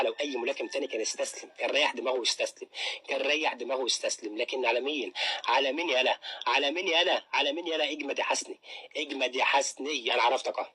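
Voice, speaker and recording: A man with an Egyptian Arabic accent giving excited commentary over a fight video, taunting and repeating every phrase. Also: mid-range voice, slightly rough.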